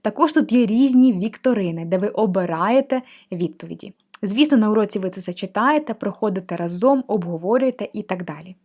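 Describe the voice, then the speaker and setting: A young female teacher walks through an online course, explaining each exercise type in a friendly, patient way. Her pitch is middling, and she talks plainly and clearly. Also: expressive, brisk, a little mellow. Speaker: language teacher reviewing a course platform. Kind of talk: screen-share walkthrough of a textbook.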